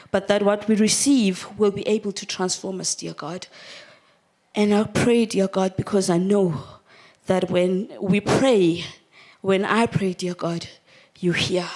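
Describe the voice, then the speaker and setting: A woman's voice: medium pitch, a little mellow. A woman from Cape Town, a guest speaker in church, introducing herself chattily with many ums and then leading a prayer. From Cape Town, South Africa. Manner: chatty, with many filler ums; repeats "dear God" in prayer. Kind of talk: church talk and spoken prayer. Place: church hall.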